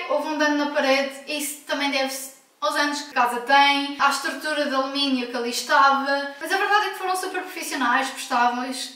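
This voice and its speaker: In an echoey room at home, a woman from Portugal records a casual vlog from some distance away. She has a European Portuguese accent and a high, sharp voice, and her speech is candid and emphatic, with self-corrections.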